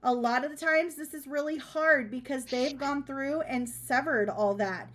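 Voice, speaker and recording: A woman with a high voice talks in a casual podcast chat. She gives advice with emphasis and hammers home her main points by repeating them. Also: normal speed, fairly bright tone. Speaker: podcast co-host.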